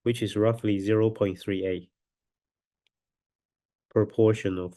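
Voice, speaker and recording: A man lecturing on a mathematical proof step by step, with a stuffy nose from a cold and a halting, deliberate delivery. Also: fairly low pitch, little pitch movement, warm tone.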